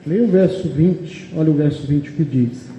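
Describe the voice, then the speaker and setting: A man with a fairly high, dark voice preaches at a moderate pace in a Brazilian Portuguese accent, reading and explaining verses at a church meeting and frequently asking "amém?". The echoey hall adds long reverb, with faint noise in the background.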